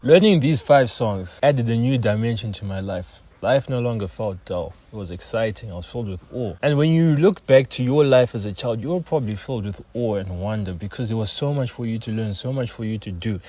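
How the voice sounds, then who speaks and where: A young man talking earnestly in a reflective personal monologue, his voice often trailing off softer at the ends of phrases. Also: on the low side, expressive, a little fast, hardly any pauses. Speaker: self-improvement vlogger.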